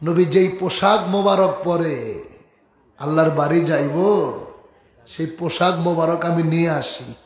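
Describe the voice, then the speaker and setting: A man's voice: fairly high pitch, unhurried, pauses often, roomy sound, close to an everyday voice. A man voicing an earnest male archangel messenger who calls out and questions sharply.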